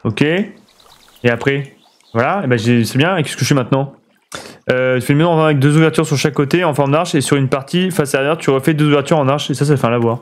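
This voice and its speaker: A man's voice: medium pitch, quick pace, a little hiss or hum. A man streaming a building game, thinking aloud and chatting with his viewers in a casual way. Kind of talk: casual let's play commentary.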